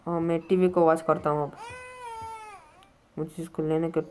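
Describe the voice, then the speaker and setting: A man's voice: on the high side, little pitch movement, moderate pace, slight background noise. A man hosting his gaming channel, giving jumpy let's-play commentary on a horror game, often yelping in fright and talking to viewers.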